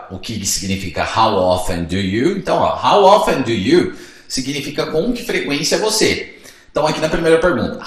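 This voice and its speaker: A young Brazilian man teaching in a relaxed, chatty way, his voice lively and rising and falling a lot. He speaks a little high for a man and walks through each step, sometimes playing both student and teacher. The room rings with a strong echo. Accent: Brazilian Portuguese. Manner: chatty, explains step by step and acts out student dialogues. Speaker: English teacher. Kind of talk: casual teaching video. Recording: very echoey room.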